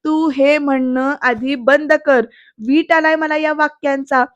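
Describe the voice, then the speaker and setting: A woman's voice: sits high, steady tone, measured pace, no room sound, lo-fi sound. A woman reading out an exasperated scolding young woman.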